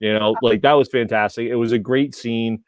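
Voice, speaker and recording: A man rambles eagerly through a fan discussion, full of fillers, at an ordinary middle pitch. The recording is dry and close. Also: steady tone, normal speed, clean tone, dry recording. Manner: enthusiastic, rambling, heavy use of like and you know. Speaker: podcast panelist. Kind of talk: casual panel discussion.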